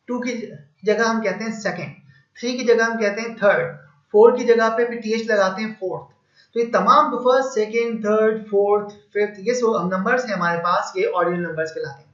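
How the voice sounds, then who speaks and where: In an echoey room with a slightly dull, muffled sound, an English teacher gives an explanatory grammar lesson. His voice is fairly high and a bit bright, with a tinge colouring his speech, and he builds up each point slowly and patiently through examples.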